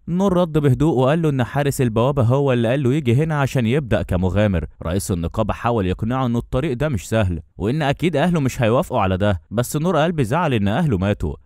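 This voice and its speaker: A man with an Egyptian Arabic accent narrating an anime story recap in a rapid storytelling style. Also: mid-range voice, a little mellow, no room sound, studio quality. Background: faint background music.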